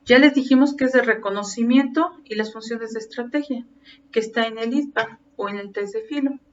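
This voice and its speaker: A woman's voice: on the high side, fairly quick. A woman lecturing teacher trainees in an explanatory way, with frequent fillers and restarts. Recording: distant muffled mic with faint ambient noise.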